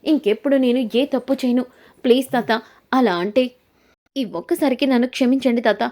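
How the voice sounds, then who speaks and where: A woman's voice: sits high, fairly even intonation, fairly quick, dark tone, natural voice. A woman voicing a scheming young granddaughter who begs her grandfather for forgiveness. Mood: pleading.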